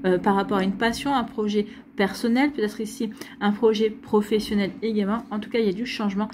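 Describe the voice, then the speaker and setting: A woman's voice: mid-range voice, steady tone, fast talker, noisy background. A French woman giving a casual, rambling astrology reading to her viewers, full of restarts and reassurance. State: hiccups. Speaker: astrology and tarot reader.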